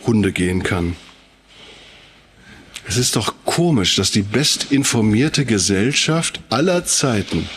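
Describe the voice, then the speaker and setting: Preaching in a medium-pitched voice, this native German speaker from Sauerland, Germany, delivers what sounds like a sermon to the public. His style is emphatic and rhetorical, full of repeated phrases and posed questions.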